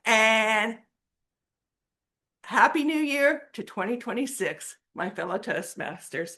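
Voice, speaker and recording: A woman on a video call giving a jokey, animated answer at a club meeting. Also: fairly high pitch, slow. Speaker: club member answering a question.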